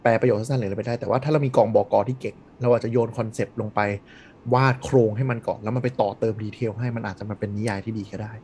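A man chatting casually on a podcast, blunt and animated, swearing freely. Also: lowish voice, very fast, a little hiss or hum. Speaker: podcast host. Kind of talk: casual chat.

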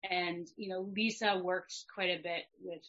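A woman talking reflectively in a conversation, with thoughtful, measured phrasing. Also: lowish voice, steady tone, a bit bright, lo-fi sound. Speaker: podcast guest and herbal business co-founder.

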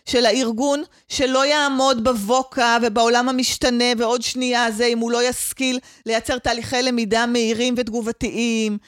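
A woman's voice: on the high side, level tone, hardly any pauses, no echo, clean studio sound. A woman with an Israeli accent explaining in casual conversation as a guest expert, mixing in English professional terms. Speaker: guest expert on training development and change management.

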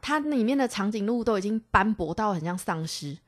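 Young taiwanese lady on a podcast, telling a story all animated, stumbles and restarts a lot, mid pitch. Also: a little fast. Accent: Taiwanese Mandarin. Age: young adult. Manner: animated, laughing, many fillers and restarts. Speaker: podcast co-host. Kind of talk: casual storytelling chat.

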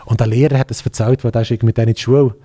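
Fast-talking Swiss German man, mellow voice. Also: mid-range voice, fairly even intonation. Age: middle-aged. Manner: rambling, joking, self-mocking. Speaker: slam poet, podcast guest. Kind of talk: casual chat.

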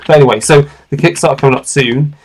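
A man's voice: medium pitch, quick pace, slight background noise. A man around forty hosting a casual podcast, talking in an informal, rambling way and swearing freely. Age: late 30s to 40s. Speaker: podcast host.

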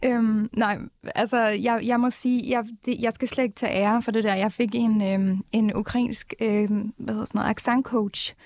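A woman's voice: a little high, fairly even intonation, few pauses, darkish tone, no room sound, clean studio sound. A woman actress as an interview guest, candid and self-deprecating, laughing easily. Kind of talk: casual interview chat.

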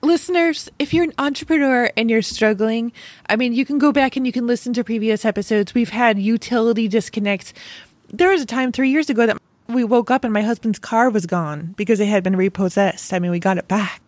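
A woman hosts a podcast in a lively, effusive way, quick to exclaim. Her voice is recorded close and dry, with no room sound. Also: fairly high pitch, dry recording. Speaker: podcast host. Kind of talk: casual conversation.

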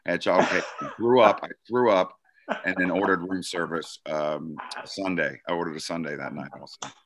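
A man chatting casually on a fitness talk show, telling lively food stories. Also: low-pitched, brisk, noisy background. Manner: animated storyteller, food anecdotes. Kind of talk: casual chat.

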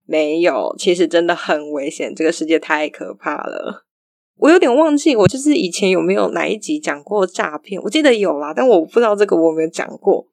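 A young adult woman with a Taiwanese Mandarin accent, telling stories in a casual, animated monologue and acting out the voices she quotes. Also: on the low side, a little fast, no echo, clean studio sound.

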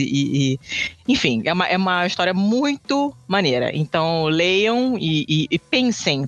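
A Brazilian man co-hosts a casual podcast, his voice sitting high with a fairly bright tone and no echo. He rambles through the chat with plenty of restarts and fillers, even admitting he's never brief.

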